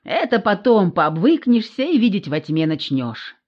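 A woman voicing a stern, bossy, gruff old woman in an audiobook. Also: mid-range voice, sing-song, measured pace, lo-fi sound. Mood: amused. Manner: gruff, commanding. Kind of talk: audiobook character voice.

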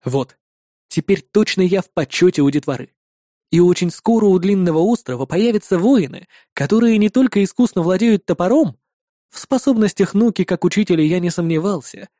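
Male audiobook narrator, wry first-person telling, warm dark tone, dry close sound. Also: high-pitched, brisk, no room sound. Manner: lively first-person storytelling with wry asides.

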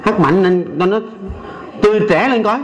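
An older man with a Southern Vietnamese accent, a Buddhist monk giving a folksy Dharma talk who keeps asking the audience "right?" and slows down to recite and sing verses. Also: high-pitched, poor audio.

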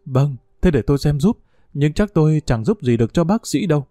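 A man's voice: on the high side, lively intonation, fairly quick, warm tone, dry recording, close to an everyday voice. Brief: male narrator as a distraught middle-aged mother in an audio story, sobbing and pleading, dry close sound. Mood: shaky.

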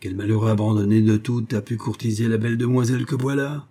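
A man voicing a furious, miserly old male farmer who shouts and stammers with rage. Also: fairly low pitch, little pitch movement, fast talker, lightly acted. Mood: ranting.

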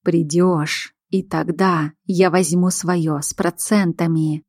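Woman voicing a slow, low alpha werewolf man. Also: fairly even intonation, darkish tone, no echo, studio quality. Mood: menacing. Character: menacing male alpha werewolf, calm and controlling.

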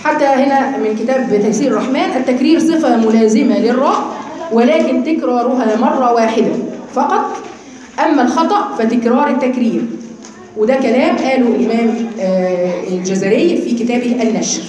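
A woman with an Egyptian Arabic accent teaching a live class, explaining quickly and quizzing her students. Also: on the high side, a little mellow. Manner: explains then demonstrates sounds slowly, quizzing students. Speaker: Quran recitation teacher. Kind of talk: live class lecture on tajweed. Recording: very echoey room with people around.

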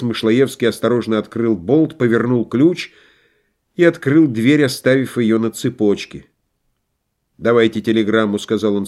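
A man reading a novel aloud as an audiobook narrator, with a measured, dramatic storytelling manner. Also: lowish voice, a little mellow.

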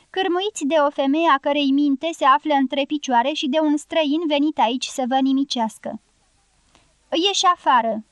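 A woman reads a novel aloud as an audiobook narrator, carrying every character's lines in her own voice. Her voice sits high. The sound is dry and close, with no room around it. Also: no echo.

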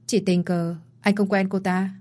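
A curt, arrogant rich young man from a storybook, voiced by a woman narrator. He talks clipped and cold at an ordinary middle pitch. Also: flat delivery, measured pace, mellow, lightly acted.

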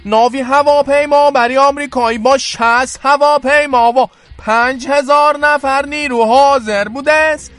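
A self-important police colonel, played by a man, talks in a stiff, formal way and bristles at the slightest challenge. His voice sits extremely high for a man. It is recorded dry, with almost no room sound, for a radio comedy sketch. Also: fairly even intonation, fairly bright tone, no room sound. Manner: formal, indignant, takes offence quickly. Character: pompous touchy male police colonel, gullible. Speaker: colonel being interviewed. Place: radio studio.

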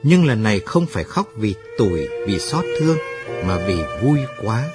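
A man narrating a late-night radio story in a steady storytelling manner. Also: on the low side, moderate pace, over music.

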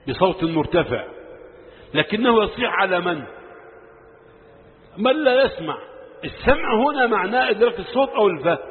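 Egyptian man, high voice, teaching a religious lesson and quizzing his listeners, recorded in a reverberant hall. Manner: asks the audience questions and answers them himself. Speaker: sheikh teaching Quran commentary. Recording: tinny lo-fi sound in a reverberant hall.

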